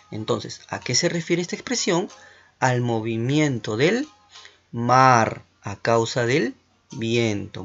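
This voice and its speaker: A man with a creaky, medium-pitched voice teaches schoolchildren in an online class, encouraging them as he guides them through questions and often adding the tag "¿no?". The recording is dull and lo-fi, with faint music.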